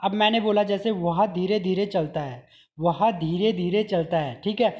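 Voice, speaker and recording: A man's voice: high-pitched, a little slow, darkish tone. Repetitive male grammar teacher. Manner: drills by asking and answering his own questions; repeats examples and says "okay" often. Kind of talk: exam-prep grammar lesson.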